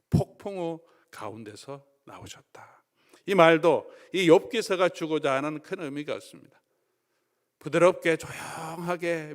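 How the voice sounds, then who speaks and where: A man preaching a sermon as pastor, swinging from loud emphatic peaks to quiet asides. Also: mid-range voice. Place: church sanctuary. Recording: long reverb of a church hall.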